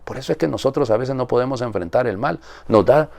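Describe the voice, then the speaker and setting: A man's voice: mid-range voice, fast, gravelly, darkish tone, no echo. A man, a priest reading the Gospel and preaching in a chatty homily with frequent rhetorical questions. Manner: conversational, asks rhetorical tag questions.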